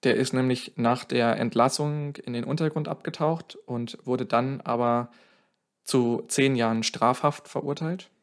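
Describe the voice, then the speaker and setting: Speaking unhurriedly in a mid-range voice, this male podcast co-host explains where a song came from. He goes on at length in a casual way, thinking out loud and frequently revising what he says partway through a sentence.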